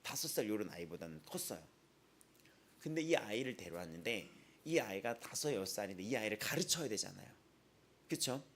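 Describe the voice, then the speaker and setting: A man's voice: fairly low pitch, big pitch swings, brisk, fairly bright tone, slight background noise. Pastor guy preaching at dawn service, talks like a chat, voice goes up and down a lot, keeps asking the room questions. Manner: chatty, asks the congregation frequent rhetorical questions; retells stories with repetitive, emphatic phrasing. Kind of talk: conversational sermon at a dawn prayer service.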